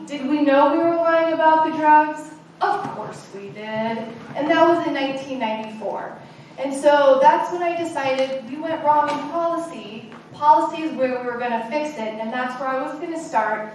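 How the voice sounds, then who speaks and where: Candid woman speaker, high voice, picked up from far off in a roomy hall. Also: normal speed, slight background noise. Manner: candid, animated, acts out quoted voices. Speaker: conference speaker. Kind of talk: personal story talk. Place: conference hall.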